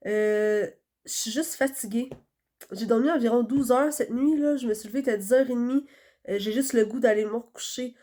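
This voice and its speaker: Congested from a cold, a young woman with a Quebec French accent chats rambly to her phone camera as a vlogger, full of fillers. She speaks briskly in a slightly high, warm voice.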